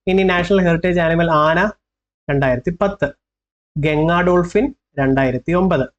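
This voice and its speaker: This is a man with a Kerala Malayalam accent teaching an exam-prep class, his voice pitched a little high for a man. He coaxes his students along, going back over points and asking whether they have them. The recording sounds dull and lo-fi. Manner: coaxing, repeats facts and checks with the listener. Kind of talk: online exam-prep lesson.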